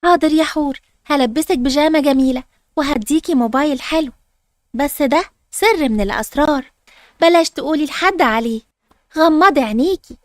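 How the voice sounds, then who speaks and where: Soft slow magic mirror, voiced by a woman. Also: high-pitched, dry recording, clean studio sound, natural voice. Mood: soothing. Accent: Egyptian Arabic. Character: gentle magic mirror granting wishes, female.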